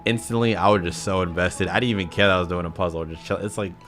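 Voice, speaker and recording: A young man creating gaming reaction videos talks fast in a low, fairly bright voice over soft background music. His commentary is casual and blunt, full of slang and swearing, and he says "bro" often.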